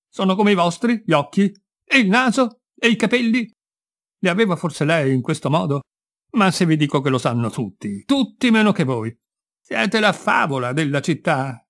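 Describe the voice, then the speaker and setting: A man voicing a fierce older female servant who shouts accusations in a raised, shrill voice while reading a story aloud.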